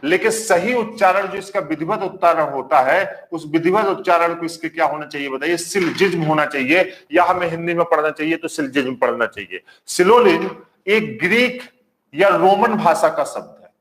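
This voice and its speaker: A man's voice: a little high, animated, normal speed. A man teaching a live online reasoning class, repeating each point and quizzing his viewers. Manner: warm greetings to viewers. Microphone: marker on whiteboard.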